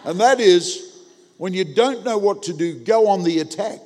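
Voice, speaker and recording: A man preaching a humorous sermon, telling a story with acted-out quotes and sudden loud bursts. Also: high-pitched, moderate pace, big-room sound. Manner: animated, comic, acts out quotes with big jumps in loudness.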